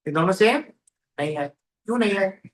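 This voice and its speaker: Teacher, male, fairly high voice, classroom drill style: repeats, quizzes, answers himself. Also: expressive, moderate pace. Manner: drilling, asks questions and answers them, repeats phrases; calls students "beta". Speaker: math teacher. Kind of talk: classroom lecture. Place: classroom with a board.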